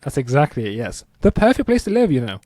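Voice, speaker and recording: A man's voice: mid-range voice, huge pitch swings, quick pace, a little mellow, dry recording. A man, co-hosting a casual podcast, teasing and reading out news stories. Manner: teasing, laughs often, reads out news headlines. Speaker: podcast co-host. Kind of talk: casual chat.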